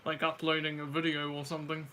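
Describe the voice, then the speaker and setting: Guy just chatting w a friend, bright highish voice, slangy, some noise in the background. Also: monotone, quick pace. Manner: swears casually, slangy. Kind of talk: casual chat.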